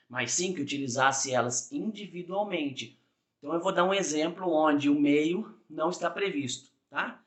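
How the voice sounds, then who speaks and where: A man's voice: mid-range voice, bright, forceful tone. Man, Brazilian Portuguese accent, driving instructor, chatty video lesson, keeps asking "tá?". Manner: conversational, frequent "tá?" tag questions; acts out examples with small voiced asides.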